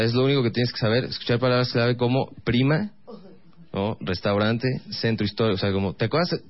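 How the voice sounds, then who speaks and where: A man with a Mexican Spanish accent performs stand-up and rattles through his stories in quick, rambling runs, dropping in laughing asides. His voice sits at a middle pitch, and the recording sounds slightly dull and lo-fi. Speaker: stand-up comedian. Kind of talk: stand-up comedy.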